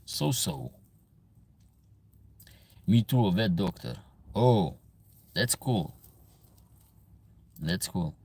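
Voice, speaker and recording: Man, very low voice, Albanian accent, casual livestream host, reads viewer comments aloud and replies. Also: animated, drawn-out words, creaky, pauses often, a little mellow, slightly rough, dry recording.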